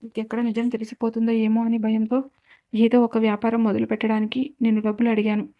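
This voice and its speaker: A woman voicing a frightened young man in a storybook drama, confessing slowly and hesitantly. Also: on the high side, monotone, dull audio, lightly acted. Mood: ashamed.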